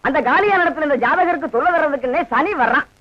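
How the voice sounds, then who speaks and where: An actor playing a fussy village astrologer friend, earnest and mock-solemn. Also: male voice, very high-pitched, expressive, fast. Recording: dull lo-fi film soundtrack.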